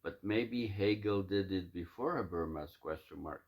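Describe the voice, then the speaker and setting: A man with a deep, low voice records himself at home, first chatting loosely about what he is about to read and then reading aloud from his own typed notes. He talks in a halting way, stopping for fillers and restarting his sentences often. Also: dull audio. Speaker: self-recording reader of his own writings.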